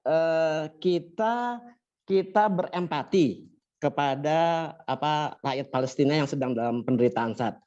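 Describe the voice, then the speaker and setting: A man's voice: on the high side, a little slow, darkish tone, muffled recording. A man in the audience asking the teacher a question, hesitant and searching for words. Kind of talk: question to the speaker.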